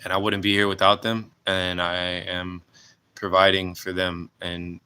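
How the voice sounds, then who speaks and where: A young man in his late twenties speaks in a reflective personal vlog, earnest and halting as he restarts his sentences. His voice sits very low but sounds bright and clean. He stays fairly even in pitch throughout. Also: smooth. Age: 20s. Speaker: vlogger.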